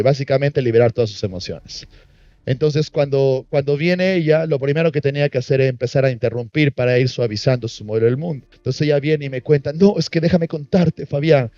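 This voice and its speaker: Man, workshop trainer, acts out dialogue, mellow low voice, muffled recording, faint music. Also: quick pace, no room sound. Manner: storytelling, acting out client dialogue. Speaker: NLP trainer. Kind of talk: workshop teaching.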